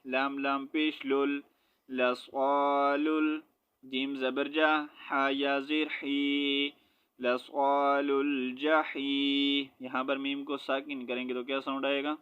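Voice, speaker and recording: Slow, flat-voiced male Quran teacher. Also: mid-range voice, smooth, highs cut off. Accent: Pakistani Urdu. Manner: slow syllable-by-syllable spelling, then drawn-out recitation. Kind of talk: spelling out Quran recitation lesson.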